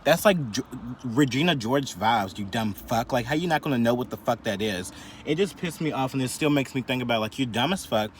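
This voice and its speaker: A man's voice: medium pitch, expressive, a little hiss or hum. A man in his twenties vlogging from a parked car, chatting casually and ranting with lots of fillers and swearing. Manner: profane, filler-heavy, quick to anger. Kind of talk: casual vlog rant.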